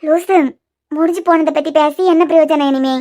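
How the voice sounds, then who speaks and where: A woman's voice: steady tone, normal speed, mellow, natural voice. A woman voicing a blunt, protective young woman friend in a cartoon serial. She speaks with a Kanyakumari Tamil accent in a scolding, incredulous way. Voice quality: very high-pitched.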